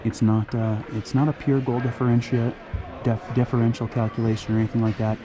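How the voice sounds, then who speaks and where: Excitable man calling a youth hockey game. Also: mid-range voice, fairly quick, crowd noise. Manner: excitable, gets worked up and shouts encouragement; chatty asides with dry jokes. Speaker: parent play-by-play commentator. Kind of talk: amateur hockey play-by-play commentary. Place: stands of an indoor ice rink. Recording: loud rink background noise.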